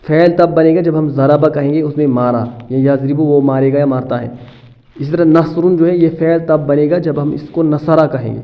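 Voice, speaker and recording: A man teaching a lesson, explaining step by step, asking questions and answering them himself, often pausing with fillers. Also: a little high, dull audio. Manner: asks rhetorical questions then answers them; checks in with listeners, hesitant fillers. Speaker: Arabic grammar teacher.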